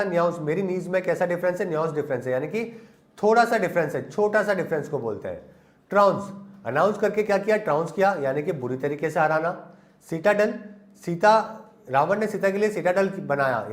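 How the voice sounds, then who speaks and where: A young man teaching English vocabulary in Hindi, giving memory tricks and asking questions he answers himself. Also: sits high. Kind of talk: Hindi lesson on English words.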